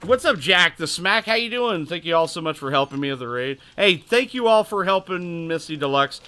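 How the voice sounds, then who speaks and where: A man's voice: on the high side, lively intonation, a little fast, sharp tone, clear, resonant tone. A man hosting a casual gaming livestream, talking in a rowdy, crude way and thanking viewers by name. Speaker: livestream host.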